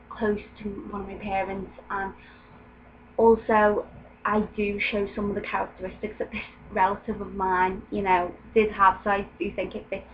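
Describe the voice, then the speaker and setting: With dull audio, a mid-range female voice belongs to a young Englishwoman chatting casually on a home video, saying um a lot. An open window in her room lets in faint ambient noise.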